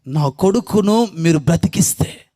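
A woman's voice: on the low side, expressive, measured pace, mellow, no room sound, clean studio sound. A man quoting a tearful praying mother. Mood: pleading. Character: weeping village mother praying for her son.

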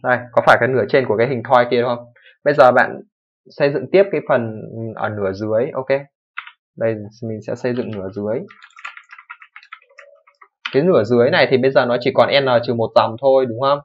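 A man's voice: mid-range voice, steady tone, slightly rough. A young man teaching programming in a coding tutorial, talking informally, checking in often and correcting himself as he goes. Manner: fast, informal explaining with frequent "đúng không" checks and self-corrections. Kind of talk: screen-recorded coding tutorial. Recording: dull lo-fi microphone.

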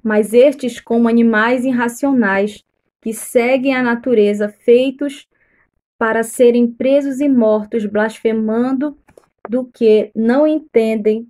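Woman, missionary Bible reader, slightly high voice, mellow tone, slow and deliberate. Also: fairly even intonation. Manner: slow deliberate reading with pauses, asks listeners to mark verses. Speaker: missionary leading a Bible reading. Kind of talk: slow live Bible reading.

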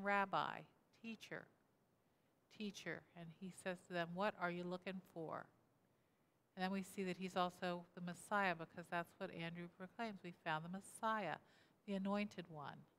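Speaking indoors at a lectern in a church sanctuary, a pastor in her sixties leads an interactive sermon, questioning the congregation and echoing their replies. Her voice is on the low side, fairly bright, clear and resonant. The sound comes from a lectern mic, with the camera at mid distance, in a reverberant church hall.

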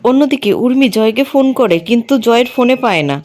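A woman's voice: fairly high pitch, brisk, darkish tone. A woman narrating a scripted recap of a television serial's plot in a plain storytelling voice.

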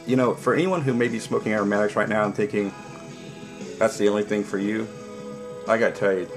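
A man in his forties chatting casually to camera in a savoring way, pausing between puffs on a pipe. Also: lowish voice, gravelly, over music. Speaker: pipe-smoking vlogger. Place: small dim room at home, indoors.

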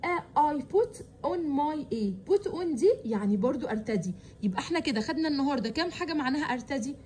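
Egyptian woman teacher, high and animated voice that swings widely, drills each word slowly and repeats it, faint hum behind her. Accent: Egyptian Arabic. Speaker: English teacher. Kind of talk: vocabulary lesson.

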